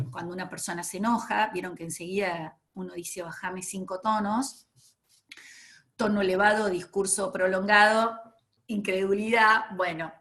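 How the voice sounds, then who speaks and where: Enthusiastic woman trainer, emphatic lecturing voice, mid pitch, lots of fillers. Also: a bit bright.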